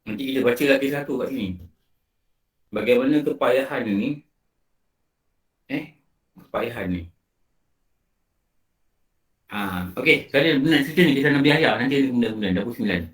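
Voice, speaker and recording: Malaysian Malay man, ustaz giving a lively online lecture, acts out scenes, mid-pitched, recorded off-mic in a roomy space. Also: normal speed, pauses often, far from the mic. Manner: animated storytelling, acting out film scenes. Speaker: religious teacher.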